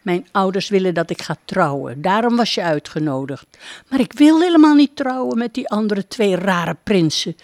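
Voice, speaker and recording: A woman reading a storybook aloud and voicing a young princess with a high, eager, playful voice. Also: animated, normal speed, a little mellow, dry recording, clean studio sound, close to an everyday voice. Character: young girlish princess, lively and bold.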